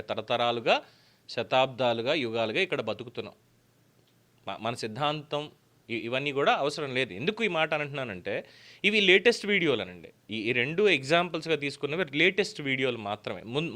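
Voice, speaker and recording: A man's voice: mid-range voice, sing-song, fairly quick, bright, forceful tone. A man hosting a news channel, giving argumentative, sarcastic commentary with many fillers, in a Telugu accent. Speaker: host.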